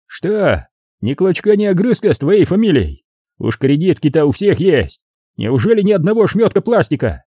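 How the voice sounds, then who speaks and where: Audiobook role: male narrator plays a cold, menacing gangster boss near sixty, pitched up and swinging. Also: sing-song, normal speed, warm tone, breathy edge, no room sound, studio quality, heavily acted. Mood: mocking. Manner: menacing, mocking.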